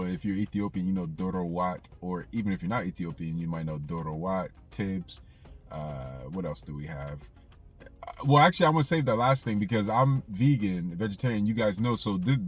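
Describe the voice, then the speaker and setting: Male food vlogger, husky and low-pitched, chatty and loose, with faint music underneath. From United States. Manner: chatty, tags lines with "right?" and "you know". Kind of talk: casual vlog talk to camera.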